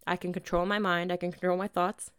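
Podcast host, young woman, clear smooth voice, blunt, profane, motivational chat. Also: fairly low pitch, little pitch movement, quick pace, fairly bright tone. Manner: candid, profane, self-help pep talk. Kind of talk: casual advice monologue.

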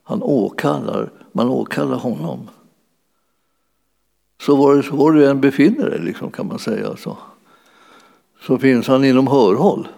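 A man's voice: medium pitch, vocal fry, pauses often, mellow. A man preaching a sermon in a church hall, in a conversational way that keeps searching for words with many fillers. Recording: long hall reverb.

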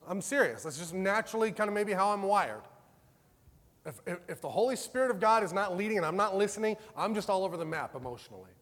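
High-voiced passionate preacher man in a hall. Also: lively intonation, fast. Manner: passionate, conversational preaching with a wide swing between loud and soft. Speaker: pastor. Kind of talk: sermon.

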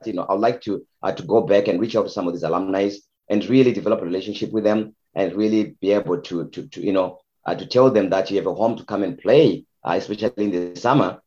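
Deep-voiced man from Zimbabwe, halting speech. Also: darkish tone. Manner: halting, many fillers and repeated words. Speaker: youth soccer head coach. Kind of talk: interview answers. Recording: dull lo-fi sound.

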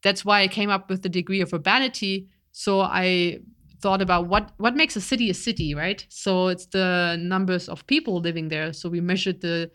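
A woman's voice: fairly low pitch, fairly even intonation, normal speed, a bit bright. A young woman explaining her wildlife research in casual chat, eager, with many restarts and fillers.

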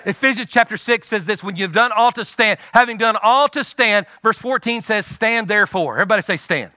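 High, bright-voiced preaching man. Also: a little fast, no room sound, studio quality. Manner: exhorting, call-and-response. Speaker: pastor. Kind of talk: sermon.

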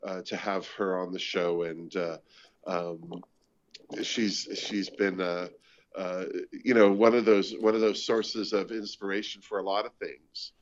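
With a low-pitched voice and measured pace, a Canadian man who works as a comedian and show host tells stories in casual conversation. He performs the voices of the people he quotes with lively energy, and the recording sounds dull and lo-fi.

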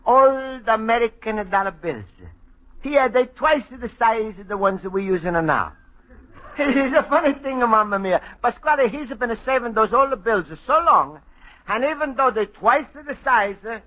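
A man's voice: very high voice, lively intonation, measured pace, heavily acted. An actor playing a cheerful Italian immigrant man who writes home to his mother, speaking broken English with an Italian accent and a giggly, sentimental manner, in a 1940s-style radio comedy. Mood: fond. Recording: dull old radio broadcast.

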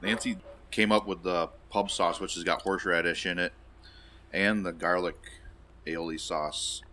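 A man's voice: sits low, steady tone, normal speed, pushed and bright, slight background noise. A pub owner, a man, talking plainly and a little hesitantly about his business. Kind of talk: casual interview chat.

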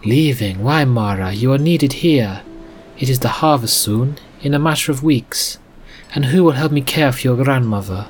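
A man's voice: medium pitch, normal speed, faint music behind, pitched above the performer's own voice, close to an everyday voice. A man voicing a caring, worried middle-aged mother who speaks in a pleading, concerned way.

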